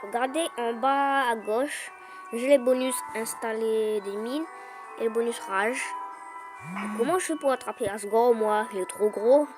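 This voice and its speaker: A woman's voice: fairly high pitch, measured pace. A woman commenting casually on her phone game as she plays, explaining with many hesitations and fillers. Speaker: gameplay commentator. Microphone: phone screen recording. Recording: game music behind the voice. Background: game music.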